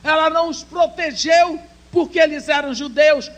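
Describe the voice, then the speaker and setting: At a women's church gathering, an English-speaking woman gives an impassioned sermon at a normal speed. Her voice is high, and she alternates between proclaiming loudly and telling stories in a near whisper.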